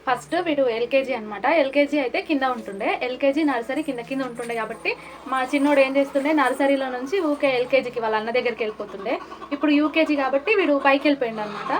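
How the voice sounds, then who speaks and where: A woman's voice: high-pitched, rapid-fire, a little hiss or hum. A woman, chatting casually to camera at home in a vlog about her evening with her kids. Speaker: vlogger and mother.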